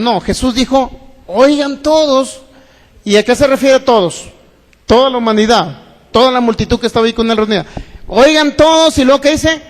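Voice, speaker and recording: A man preaching from the pulpit in a strikingly high voice. He keeps turning to the congregation with rhetorical questions, and his words ring on in a long hall reverb. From Mexico. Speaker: pastor. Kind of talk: sermon. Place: church hall.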